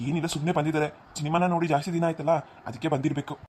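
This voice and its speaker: A woman voicing a young husband in a cartoon, calling out in a fast, offhand way. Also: low-pitched, little pitch movement, a little mellow, a little hiss or hum, voice pushed down, natural voice. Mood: brisk. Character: young husband, brisk and friendly.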